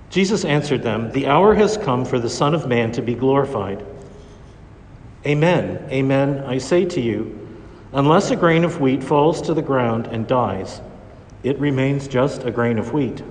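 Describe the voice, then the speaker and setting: Priest in a long cathedral echo. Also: male voice, mid-range voice, a little hiss or hum. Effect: long echo of a large church. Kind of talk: gospel reading and homily. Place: large church. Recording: reverberant church recording.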